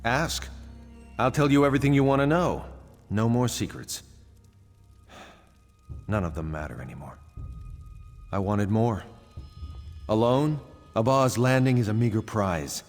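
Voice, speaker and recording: A man's voice: medium pitch, very animated, unhurried, pauses often, darkish tone. An actor playing a retired thief turned painter, a resigned married man, with theatrical, confessional delivery in a video game. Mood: pleading. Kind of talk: video game character dialogue. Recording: long reverb, music behind.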